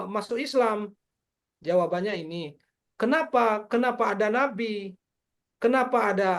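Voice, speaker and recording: A male lecturer explaining exam questions to students in an online class, repeating his points and tagging sentences with "ya". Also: high voice. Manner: repetitive, tag questions with ya.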